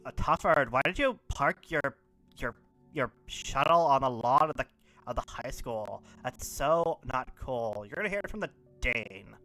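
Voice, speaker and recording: A man's voice: mid-range voice, lively intonation, a little slow, pushed and bright, soft background music. A man voicing a snooty, gum-chewing teenage cat girl with a bored drawl.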